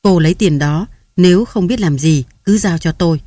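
A woman's voice: on the low side, normal speed, dark tone, no echo, clean studio sound, close to an everyday voice. A woman reading the part of a scheming middle-aged man who presses a grieving wife to hand over her money. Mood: persuasive. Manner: persuasive, pressing.

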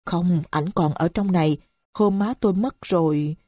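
A remorseful young husband pleads tearfully in this storybook reading, voiced by a woman. The voice sits low and dark with a husky edge. The sound is close and dry. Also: a little slow, no room sound. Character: grief-stricken young husband, rash and remorseful.

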